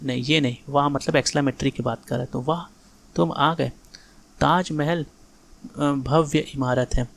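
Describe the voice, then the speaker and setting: Speaking in a steady, mid-range voice with vocal fry and a moderate pace, a man runs a casual grammar exam-prep lecture. He corrects sentences, repeats his corrections, and keeps asking whether the students are following.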